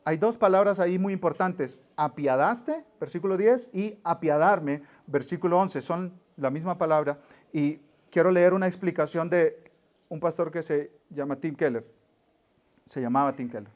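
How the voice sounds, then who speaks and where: Animated pastor preaching. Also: male voice, a little high, moderate pace. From Mexico. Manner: animated storyteller, acts out voices, drops to near-whisper for emphasis. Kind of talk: sermon.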